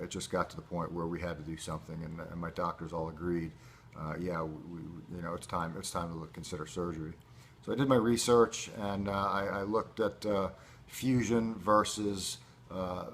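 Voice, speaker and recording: A man giving a casual first-person video update as a patient, speaking in a halting, measured, matter-of-fact way. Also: low voice, fairly bright tone, a little hiss or hum. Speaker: patient recording a recovery update.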